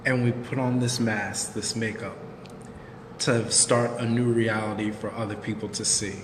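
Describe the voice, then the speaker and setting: Male co-host, earnest and measured, mid pitch, reverberant room. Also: slight background noise. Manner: measured, heartfelt, speaks in long sentences. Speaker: co-host of a live chat. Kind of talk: earnest, reflective sharing.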